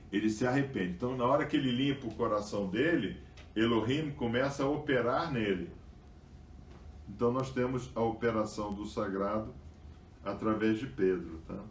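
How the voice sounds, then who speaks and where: A man's voice: mid-range voice, echoey room, far from the mic, slight background noise. A man giving a Bible study lecture, tagging his sentences with "tá?" and "né?" and reading passages aloud with emphasis. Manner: frequent "tá?" and "né?" tags, reads passages aloud with emphasis. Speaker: religious teacher.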